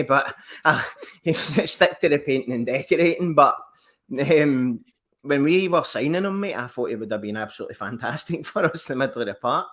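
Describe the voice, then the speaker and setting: A Scottish man chatting as a guest on a football podcast, joking, swearing and laughing often. His voice sits at a middling pitch. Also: a bit bright. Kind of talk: casual football banter.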